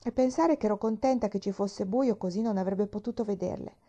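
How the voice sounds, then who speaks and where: A woman's voice: medium pitch, fairly quick, dark tone, lo-fi sound, lightly acted. A woman voicing a cheerful, chatty little girl in a storybook reading, eager and bubbly.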